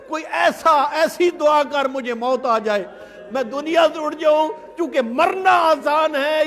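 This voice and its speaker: Man, Pakistani Urdu accent, cleric, mourning sermon, impassioned chanting, very high-pitched, long hall reverb. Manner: impassioned, rising into wailing recitation. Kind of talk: Muharram-style majlis sermon, chanted and emotional. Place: large mourning gathering hall.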